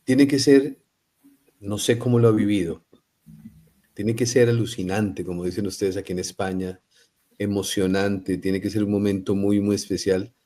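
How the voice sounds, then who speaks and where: A man's voice: lowish voice, darkish tone. A man hosting an interview, who asks reflective questions and searches for his words as he goes. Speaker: host.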